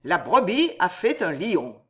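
A woman's voice: on the low side, big pitch swings, measured pace. Woman as a jovial old king and grandfather, hearty and commanding, storybook reading. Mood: jubilant.

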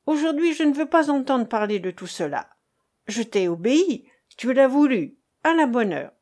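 A woman's voice: a little high, expressive, measured pace, a little mellow. A woman voicing a passionate, defiant young woman in love, reading an audiobook in an impassioned, pleading way.

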